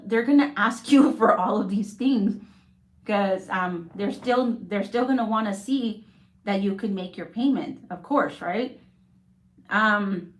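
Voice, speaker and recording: A woman who works as a real estate agent, talking in a casual, rambling way on a live stream and often checking in with "okay?". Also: medium pitch. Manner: rambling, keeps adding "okay?". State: coughing.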